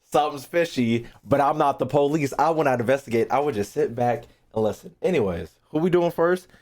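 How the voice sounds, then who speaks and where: Speaking a little fast in a medium-pitched, slightly mellow voice, an American man hosts a livestream reaction video. His casual chat is full of brash banter with viewers, free swearing and phrases repeated for emphasis.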